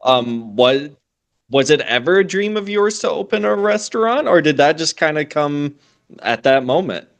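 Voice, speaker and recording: A man's voice: a little high, lively intonation, normal speed, creaky. A man hosting a business podcast, asking questions in a friendly, hesitant way with many fillers. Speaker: podcast host. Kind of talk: casual interview hosting.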